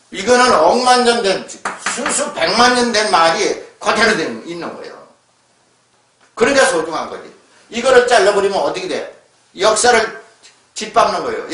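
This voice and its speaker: A man's voice: sits high, a bit bright. A man giving an emphatic, scolding lecture, often tagging rhetorical questions onto his points. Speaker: lecturer on word origins. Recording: echoey room, voice far from mic.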